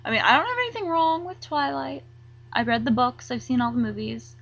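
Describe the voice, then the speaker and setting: A young woman chatting casually to camera as a vlogger, rambling and halting, full of likes and ums. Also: sits high, animated, vocal fry, fairly bright tone, low-quality recording.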